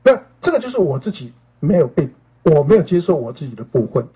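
A man's voice: fairly high pitch, sing-song, a little fast, husky. A man talking casually to his listeners as a show host, often asking if they follow him and mixing in English words. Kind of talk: conversational talk to listeners. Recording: dull lo-fi recording.

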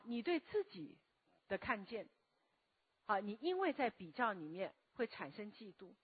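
Woman lecturer, slow and deliberate, asks her class questions, lively rising and falling pitch, slightly hoarse, dry close sound with no room echo. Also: phone-quality sound. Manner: speaks slowly and deliberately, often asking the listeners questions. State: a bit hoarse from a recent cough. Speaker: lecturer and meditation teacher. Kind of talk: spoken self-help lecture to a live class.

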